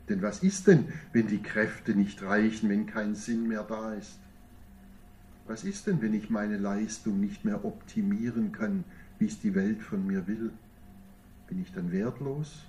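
Male pastor, sermon, dark mellow voice, measured delivery with emphatic peaks, distant mic. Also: on the low side, slight background noise.

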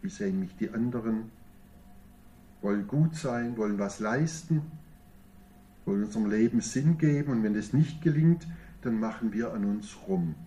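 A man delivering a sermon as pastor, in measured preaching with emphatic rising peaks. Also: on the low side, warm tone, distant mic.

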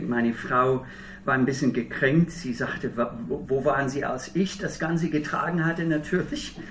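A man's voice: medium pitch, fairly bright tone, a little hiss or hum. A middle-aged man from Minnesota preaching a sermon in German with an American accent, telling stories earnestly with wry humor. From Minnesota, USA. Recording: roomy hall heard from a distance.

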